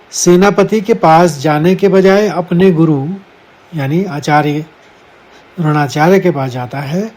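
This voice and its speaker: Slow, mellow-voiced man teaching Sanskrit verses. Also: on the high side. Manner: deliberate, addresses listeners as friends, sounds out Sanskrit syllables carefully. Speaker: Gita teacher. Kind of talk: slow explanatory lesson.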